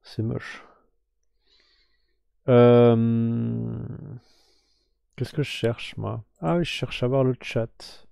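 A man hosting a live game stream, slowly drawing giveaway winners and muttering to himself with whispered asides. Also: mid-range voice, fairly even intonation, creaky, warm tone, clean tone, no echo, studio quality.

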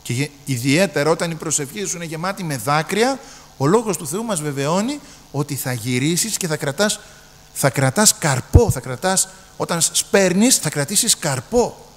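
A man's voice: on the high side, expressive, long reverb tail. A man preaching a sermon emphatically, repeating his phrases and often addressing the brethren.

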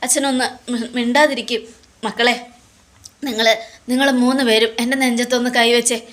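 A woman doing an ailing old father, remorseful and tearful, halting stammered words, higher-pitched voice. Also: steady tone, a bit bright, lightly acted.

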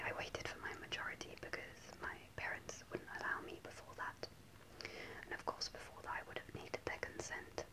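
A young ASMR creator whispers a personal story close to a camera set at face level, in a small indoor room with a starry backdrop behind her. Her whisper is soft and unvoiced, hesitant and full of ums. The recording is rough.

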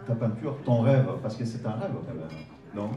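A man hosting an exhibition opening, welcoming guests and introducing the artist in a halting way with many fillers. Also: fairly low pitch, expressive. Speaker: event host. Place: large glass-walled hall, indoors. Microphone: mic on a stand, filmed from a distance. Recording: echoey hall, mic far off, crowd.

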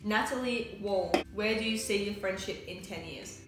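A woman's voice: mid-range voice, moderate pace, very noisy. A teenage girl chatting casually as a guest, reading out questions and giggling. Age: teens. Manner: giggly, reads questions aloud. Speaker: guest friend. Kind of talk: casual chat. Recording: roomy echo with faint music.

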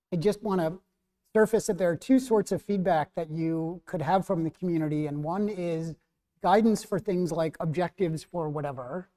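A middle-aged man with a New Jersey accent moderating an academic panel in a measured, thoughtful, self-correcting way. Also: fairly high pitch, dark tone, in a large hall.

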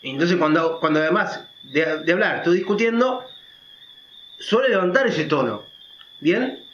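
This vlogger, a man whose voice sits above the usual male range, is loud, emphatic and expressive. His relaxed monologue of opinions keeps pausing for brief tag questions to the listener, and the recording comes across as dull with noticeable room sound.

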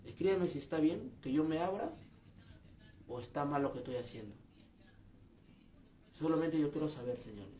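A man's voice: fairly high pitch, moderate pace, pauses often, warm tone, echoey room, slight background noise. A man, a street comedian, making an earnest, aggrieved personal statement, repeating his points. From Peru.

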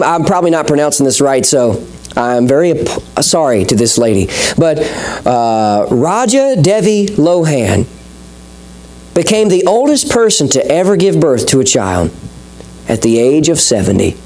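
A man's voice: on the high side, darkish tone. A male pastor preaching a sermon in an earnest, conversational way with touches of light humor, speaking to a church congregation. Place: church service.

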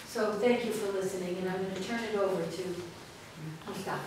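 A woman's voice: mid-range voice, steady tone, brisk, distant mic, noisy background. Emphatic older woman moderator, echoey room. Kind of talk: introducing a panel discussion. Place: small meeting room indoors. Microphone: far room mic.

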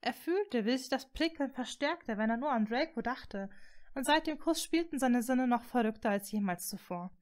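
A woman reading a fan fiction story aloud as an audiobook, in a calm, steady way. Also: high voice, normal speed. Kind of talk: audiobook narration.

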